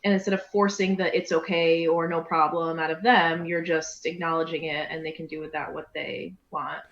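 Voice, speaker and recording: Podcast co-host, woman, rambling explainer, slightly low voice, echoey dull recording. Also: level tone, normal speed, fairly bright tone. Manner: talkative, explains with many fillers. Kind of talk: casual chat. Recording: roomy, dull, slight hiss.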